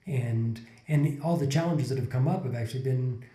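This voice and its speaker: This podcast co-host is a reflective man who rambles through casual conversation with many restarts. He speaks at medium pitch and a moderate pace in a mellow voice. The room is echoey, an indoor space where he sits on a couch before a desk condenser mic placed in front of the couple.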